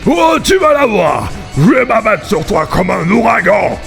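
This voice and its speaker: A man voicing a big, brash, dim-witted albatross henchman in an amateur cartoon fandub, blustering and easily confused, with a gravelly voice. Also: sits high, big pitch swings, a little slow, soft background music, full character voice. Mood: boastful, aggressive.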